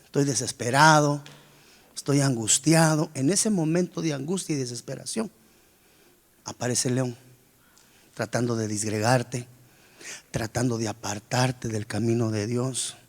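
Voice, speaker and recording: A man preaching a sermon as pastor, with sudden surges of pitch and force, acting out worried church members. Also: measured pace, vocal fry, long pauses, darkish tone. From Guatemala. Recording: long reverb of a church hall.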